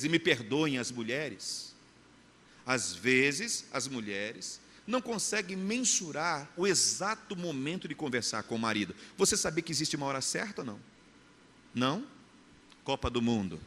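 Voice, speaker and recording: A Brazilian pastor preaches with a bright, forceful edge, his slightly raised voice carrying through a long church reverb. He tells stories with animation and acts out the scenes. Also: high voice. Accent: Brazilian Portuguese. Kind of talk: sermon. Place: church hall. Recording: long church reverb, faint room noise.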